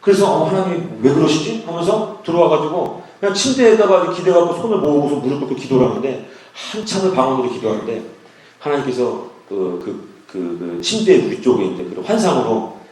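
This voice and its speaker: A man preaching a sermon and telling a personal testimony, acting out the prayers and voices in his story. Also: medium pitch. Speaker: pastor. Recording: echoey hall from far off.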